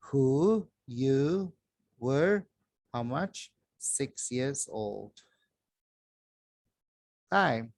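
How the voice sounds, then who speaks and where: Slow, deliberate male English teacher. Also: medium pitch, expressive, no room sound. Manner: slow, drawn-out reading with pauses. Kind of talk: slow worksheet walkthrough for children. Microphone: phone filming a worksheet from above.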